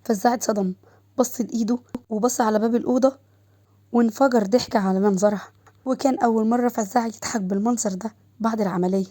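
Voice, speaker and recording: A woman with an Egyptian accent narrating a scripted story in a steady, even manner. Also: on the high side, fast.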